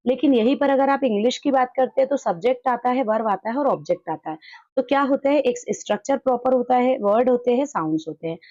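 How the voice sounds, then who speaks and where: A woman with a fairly high voice teaches an exam prep class, explaining points in Hindi. She slows right down to read English definitions aloud. The sound is dry and a little dull and lo-fi. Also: warm tone, dry recording.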